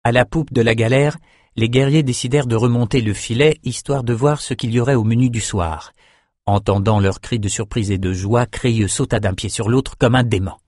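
A man narrating an audiobook in a steady, measured storytelling voice, close to the mic. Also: medium pitch, no echo.

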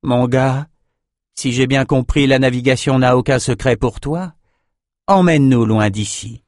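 A man voicing a proud, untamable young warrior woman in an audiobook, brisk and commanding. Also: mid-range voice, a little mellow, no echo, clean studio sound, close to an everyday voice.

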